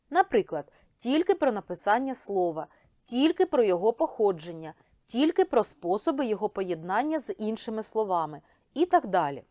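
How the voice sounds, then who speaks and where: A woman teacher explaining a video lesson, speaking clearly and addressing students directly. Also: medium pitch, a little mellow, no room sound, studio quality.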